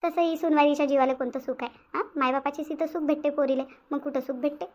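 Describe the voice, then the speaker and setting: A woman's voice: high-pitched, steady tone, fast, a little mellow, close to an everyday voice. A woman voicing a fussing village mother. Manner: fussing, insistent, repeats herself. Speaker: voice actor. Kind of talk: cartoon voice acting.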